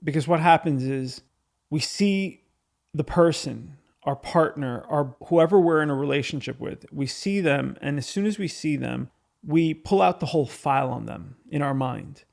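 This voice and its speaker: A man's voice: a little high, normal speed, gravelly, darkish tone. A man hosting a podcast, speaking in an earnest, informal, philosophical way, as in a reflective wedding toast speech. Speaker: podcast host.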